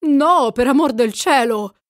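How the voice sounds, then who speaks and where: A woman's voice: high-pitched, a little slow, dry recording, clean studio sound, voice pushed up. A woman voicing a drowsy, half-drunk male companion who mumbles in a strained, altered voice. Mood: urgent.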